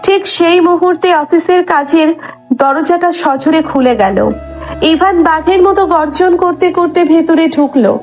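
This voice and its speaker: High-voiced woman storyteller, dramatic delivery, music bed. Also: normal speed. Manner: dramatic, descriptive. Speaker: narrator. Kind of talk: scripted story narration. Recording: soft background music.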